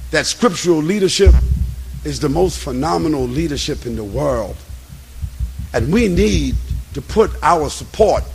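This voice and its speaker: A man giving an impassioned religious and political lecture in a raspy voice, with an emphatic, repetitive preacher's cadence. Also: on the high side, slight background noise, poor audio. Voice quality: raspy, gravelly. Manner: emphatic, repetitive preacher's cadence, swinging between hushed and shouted.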